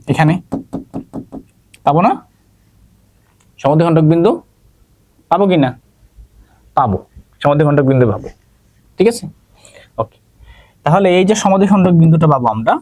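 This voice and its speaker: His voice sits on the high side and sounds a little mellow, with no room sound. He's a male math teacher with a Bangladeshi Bengali accent, leading a geometry class online and addressing students by name. Over and over he asks "ঠিক আছе?" and replies to his own questions.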